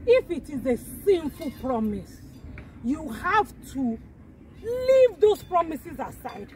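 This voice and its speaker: A woman's voice: sits high, big pitch swings, slow pace, darkish tone, slight background noise, exaggerated voice. A woman with a West African accent playing an earnest, instructing evangelist in a comedy drama. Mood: earnest, preaching. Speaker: actor in a comedy series.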